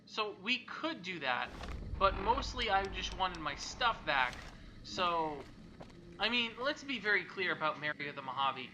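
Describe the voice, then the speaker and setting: Joking gameplay commentator, slightly high. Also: male voice, very animated, measured pace, background noise. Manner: casual, rambling, joking commentary. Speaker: let's play host.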